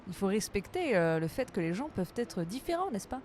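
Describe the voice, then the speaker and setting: A woman chatting casually with her live-stream audience while gaming, playful and quick to laugh, her voice a little tired. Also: medium pitch, very animated, darkish tone, slight background noise.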